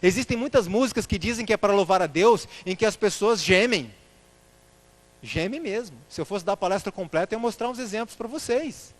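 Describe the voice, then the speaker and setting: A man's voice: high voice, lively intonation, brisk. A man giving a church lecture, putting rhetorical questions to the congregation and calling them brothers. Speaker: church speaker.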